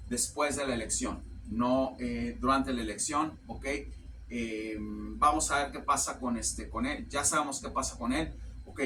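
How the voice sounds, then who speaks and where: A man giving a casual tarot reading to camera. He speaks haltingly, repeats words while searching for the next one, and tacks "ok" onto nearly every phrase. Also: mid-range voice, far from the mic, noisy background. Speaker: tarot reader.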